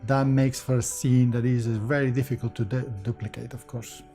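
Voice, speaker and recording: A speaker from the Netherlands talking in a relaxed, reflective way in a promo film interview. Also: mid-range voice, moderate pace, faint music behind.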